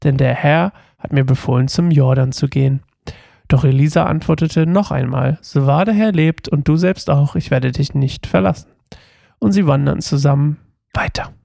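A man's voice: a little high, moderate pace, vocal fry, dark tone, dry recording, studio quality. A man reading a Bible passage aloud and then commenting on it in a loose, casual way, with small slips and restarts. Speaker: Bible reading podcast host.

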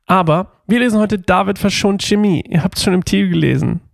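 Chatty male Bible-podcast host, self-correcting, gravelly edge to his voice. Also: high voice, brisk, no room sound, clean studio sound. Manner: chatty and self-correcting, sprinkling English phrases. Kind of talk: casual Bible-study podcast.

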